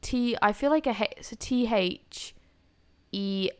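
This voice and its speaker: A woman streaming a game, bantering casually with friends in an animated, giggly, exclamatory way. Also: on the high side, takes it slowly, smooth.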